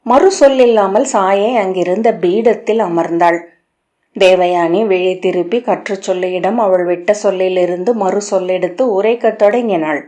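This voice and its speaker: A woman narrates a literary novel in a measured, steady reading voice. Her tone is dark and mellow, with a middle pitch for a woman. It is a scripted audiobook narration.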